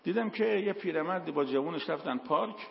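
A man delivers a sermon and weaves in stories and quoted verses. His voice sits fairly high and has a gravelly edge. It was recorded in a reverberant hall with muffled, lo-fi sound and faint background noise. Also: animated. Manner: storytelling, quotes Quranic verses. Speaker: preacher. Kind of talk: sermon with told anecdotes. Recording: echoey hall, dull lo-fi sound.

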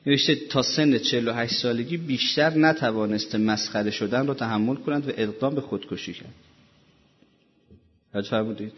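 A man's voice: mid-range voice, husky, dull audio. A man preaching a sermon as a religious lecturer, pressing his listeners with rhetorical questions in a row.

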